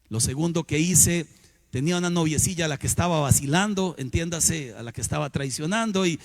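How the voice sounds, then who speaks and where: A middle-aged man preaches from the pulpit, his voice sitting high for a man. He tells his stories with sudden swings, calling out loudly one moment and dropping to a hush the next. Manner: storytelling preacher, sudden shifts from loud exclamations to hushed asides. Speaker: pastor. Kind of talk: sermon.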